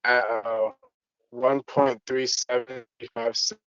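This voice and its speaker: Call-in member, male, slangy, monotone, dry lo-fi line. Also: mid-range voice, slow pace, dry recording. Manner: casual, slangy. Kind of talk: casual chat.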